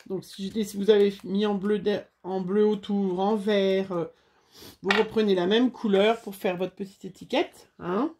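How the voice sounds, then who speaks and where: A woman's voice: mid-range voice, fairly even intonation, unhurried, darkish tone, slight background noise. A woman chatting casually to viewers while making a scrapbooking craft, with frequent fillers.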